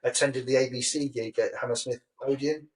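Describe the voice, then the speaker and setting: A man's voice: mid-range voice, fairly even intonation, a little fast, rough recording. A middle-aged man co-hosting a podcast, chatting easily, self-deprecating and laughing often. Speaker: podcast co-host and magazine editor. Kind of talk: casual chat.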